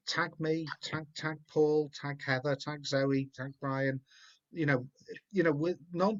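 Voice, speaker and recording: A man hosting a video call, rambling and encouraging, often repeating words. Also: fairly high pitch. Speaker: host. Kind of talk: casual chat. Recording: muffled video call audio.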